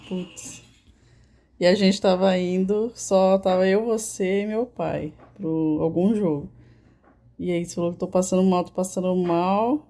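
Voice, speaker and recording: A woman with a Brazilian Portuguese accent recalls a childhood memory in casual conversation. Her voice is mellow, and she speaks in a halting, unhurried way. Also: fairly low pitch. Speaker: interviewee, sibling.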